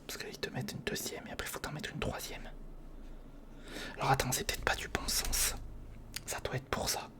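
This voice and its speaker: An ASMR video creator, a man, whispers breathily while building something, offering casual commentary aimed half at himself and half at the viewer. His delivery is brisk, broken up by long pauses.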